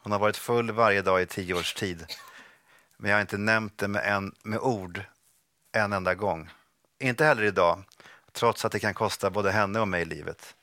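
A man reading a first-person passage from his own book aloud, slow and restrained, over a video call. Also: on the low side, bright, forceful tone, no echo.

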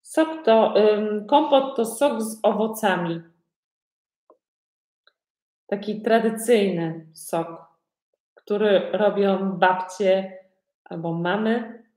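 Woman teacher, very slow deliberate speech, repeats easy questions, echoey room. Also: medium pitch, darkish tone. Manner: asks learners many simple repeated questions. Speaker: Polish language teacher. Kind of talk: slow repetitive language lesson.

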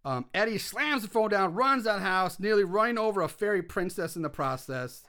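A man's voice: sits high, expressive, brisk, pushed and bright, smooth. A man co-hosting a casual podcast, recapping a movie scene by scene, chatty and swearing, with frequent laughs.

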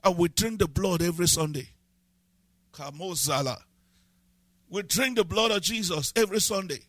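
Male pastor, high bright voice, sing-song preaching that swells into shouts, dry close sound. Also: moderate pace, no echo. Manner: preaching with rising shouted emphasis. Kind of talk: sermon.

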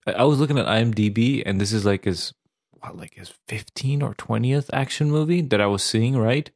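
A man's voice: mid-range voice, brisk, creaky, a little mellow. A man from Serbia, co-hosting a podcast in casual chat, rambling loosely and laughing often. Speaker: podcast co-host.

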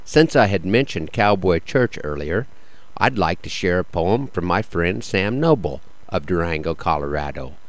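A low-pitched man hosts a cowboy poetry program. He delivers scripted narration and verse in a folksy, sincere manner. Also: lively intonation, moderate pace. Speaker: radio program host and cowboy poet.

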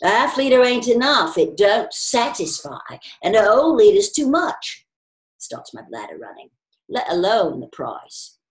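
A stubborn old pub regular who grumbles about beer and the past, as a woman reader puts him on. He pushes his voice higher and louder than the narration, gruff and pugnacious. The recording has a roomy echo. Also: sing-song, a little slow. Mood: grumbling.

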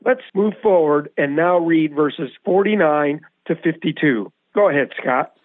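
A man's voice: fairly high pitch, measured pace, no echo. Methodical male radio Bible teacher, tinny. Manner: methodical, explanatory, poses questions to co-host. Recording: tinny, phone-like radio audio.

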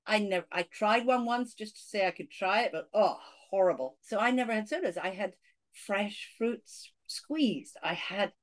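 A middle-aged woman from Scotland with a Scottish accent, a podcast guest talking in an animated way and saying "you know" a lot. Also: medium pitch, moderate pace. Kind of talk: casual interview talk.

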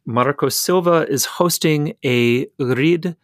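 A man's voice: on the high side, slow pace, no echo. Formal male podcast co-host, dry close sound. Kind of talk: interview hosting, partly reading an intro.

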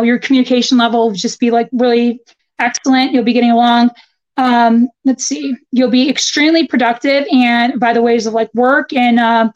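A woman astrologer giving a casual horoscope reading, informal and halting as she thinks aloud. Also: fairly high pitch, darkish tone, dull audio. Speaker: guest astrologer.

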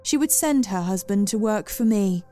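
Woman voicing an old storybook hag, crackling and smug, low and dark, faint music bed. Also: animated, moderate pace, natural voice. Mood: menacing. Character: wiry old female hag, menacing and smug.

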